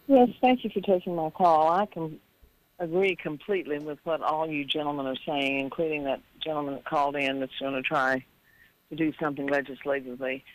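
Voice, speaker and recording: Eager, higher-voiced male radio caller. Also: steady tone, a little fast, poor audio. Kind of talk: call-in talk radio.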